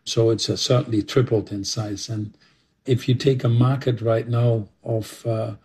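A man, a former company executive, answering interview questions in a measured way with "uh" pauses. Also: mid-range voice, level tone, a little mellow, slightly rough.

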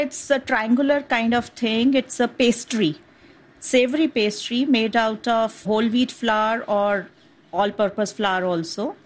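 A woman doctor speaking at an ordinary pitch, explaining things step by step. She pauses and hesitates now and then as she talks. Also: poor audio. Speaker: doctor, interviewee.

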